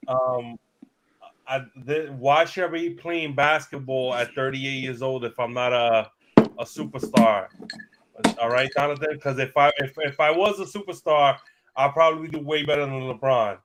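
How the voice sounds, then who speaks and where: A man in his thirties on a casual sports talk livestream, energetic and opinionated, with fillers and repeated starts. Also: mid-range voice, normal speed, slight background noise. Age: 30s. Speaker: sports talk show regular.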